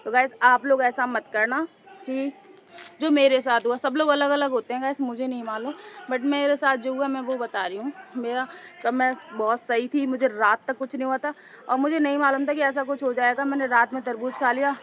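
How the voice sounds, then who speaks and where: A woman vlogger with a hoarse, sore throat, chatting casually and rambling to her viewers as she records outdoors on a two-storey house with a handheld phone. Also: high-pitched, steady tone, normal speed, muffled recording, a little hiss or hum. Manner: rambling, talks straight to viewers as "guys".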